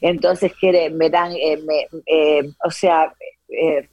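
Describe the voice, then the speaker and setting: A woman's voice: deep voice, steady tone, slow, mellow, dull audio. A woman with an Argentine accent, a guest in a casual interview, talking in a playful, flirtatious way. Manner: flirtatious and playful, laughs often.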